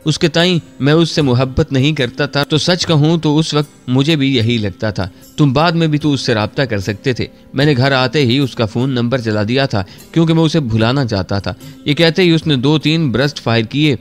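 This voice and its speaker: A man narrating a war adventure in a steady, measured read. His voice sits at an ordinary middle pitch. A soft music bed plays faintly underneath. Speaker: story narrator. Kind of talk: scripted narration of a war story. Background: faint background music.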